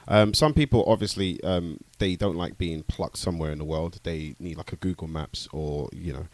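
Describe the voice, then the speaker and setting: A man's voice: sits low, normal speed. A man hosting a talk show in a studio, chatting casually and rambling a bit with his guest. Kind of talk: casual interview chat.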